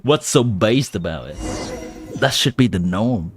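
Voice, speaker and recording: A man's voice: fairly low pitch, expressive, unhurried, background noise. A man streaming a game and chatting playfully with his viewers, his voice run through an AI voice changer. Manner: chatty, playful, talks to chat. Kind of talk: casual live-stream chat over gameplay. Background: game music.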